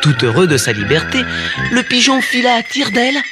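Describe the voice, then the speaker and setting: A man narrating a children's fairy tale in an expressive, animated way. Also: very high-pitched, a little fast. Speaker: storyteller. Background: music.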